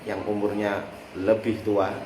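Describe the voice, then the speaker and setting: A man teaching a classical Islamic text speaks with a Javanese accent in a low, slightly mellow voice. His delivery is completely flat and unhurried, and he explains with everyday examples while drawing listeners into finishing his sentences. Echo and faint background noise mark the recording.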